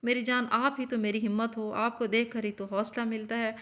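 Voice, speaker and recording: A woman voicing a meek, tired young wife who speaks softly and quietly. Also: on the high side, level tone, natural voice. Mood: gentle. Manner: soft and quiet.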